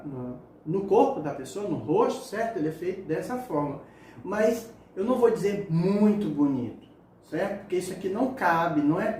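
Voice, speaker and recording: Echoey high-voiced man teaching signs. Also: darkish tone. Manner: halting, repeats words while demonstrating signs. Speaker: sign language teacher. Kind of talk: spoken lesson explaining signs. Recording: echoey distant mic with faint room noise.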